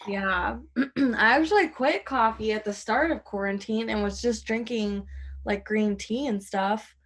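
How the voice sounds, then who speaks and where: Before a group recording starts, the woman hosting it chats casually from her room at home over a small personal microphone on the call. She has a voice on the high side, takes her time, and there's no room sound.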